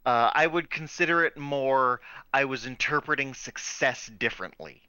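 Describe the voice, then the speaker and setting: Bright-voiced man explaining game rules. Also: medium pitch, normal speed, clear, resonant tone, no room sound. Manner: repeats words and restarts while explaining. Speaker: game master; high school teacher. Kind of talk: casual out-of-character chat about a tabletop game.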